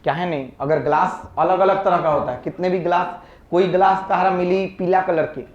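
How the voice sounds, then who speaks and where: A man's voice: high-pitched, steady tone, brisk. A man teaching physics in a classroom, coaxing students with repeated questions. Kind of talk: classroom lecture. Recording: echoey room, dull lo-fi sound.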